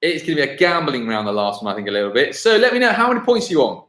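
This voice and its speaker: A man's voice: a little high, big pitch swings, very fast, a bit bright. A man hosting a live online quiz, chatty and given to thinking aloud and correcting himself. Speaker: quiz host. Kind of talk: live-streamed pub-style quiz hosting. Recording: echoey room.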